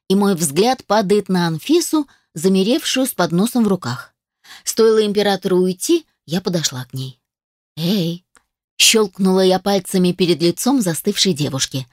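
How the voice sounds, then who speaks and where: A woman narrating a first-person fantasy novel in a sardonic, brisk manner. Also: lowish voice, dry recording, clean studio sound. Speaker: audiobook narrator.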